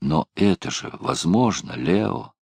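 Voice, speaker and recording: A man reading a steady, terse male prisoner who answers calmly. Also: deep voice, takes it slowly, creaky, breathy edge, no echo, heavily acted. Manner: calm, terse.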